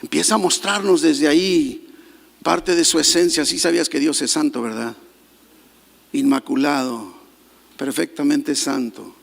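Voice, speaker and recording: High-voiced, gravelly pastor preaching. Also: male voice, measured pace, in a large hall. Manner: emphatic, questioning the congregation. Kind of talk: sermon. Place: church.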